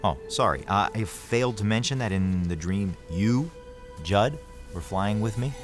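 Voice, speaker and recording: A man's voice: lowish voice, expressive, a little slow, music in the background. A man playing an earnest, self-assured believer in his own visions in an audio drama, pompous and preachy.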